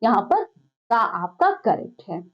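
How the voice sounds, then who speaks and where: High, lively teacher woman. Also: unhurried, highs cut off. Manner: asks the class questions, then answers them herself. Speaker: Hindi teacher. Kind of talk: exam-prep lesson solving questions.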